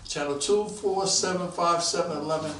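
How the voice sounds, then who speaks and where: A man around sixty, a police detective guest telling stories in a casual interview. He is animated and acts out the voices of people he quotes. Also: on the high side, moderate pace, a little hiss or hum. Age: about 60. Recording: roomy, mic at a distance.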